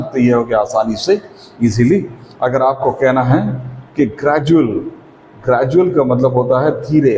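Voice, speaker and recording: A man with an Indian accent teaching a spoken English lesson, explaining step by step and often asking if it is clear. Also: medium pitch, warm tone, slight background noise. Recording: echoey room with long reverb.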